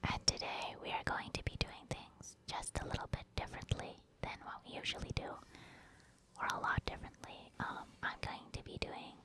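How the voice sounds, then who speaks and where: A woman hosting an ASMR gaming video offers soft-spoken commentary in a hushed, breathy near-whisper. She explains things gently and casually at a moderate pace.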